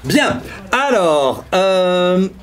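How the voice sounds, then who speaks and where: Joking with the crowd as he gathers their suggestions, an improv performer hosts a show from a theater stage. He's playful and animated, with a high-pitched voice, yet he talks extremely slowly.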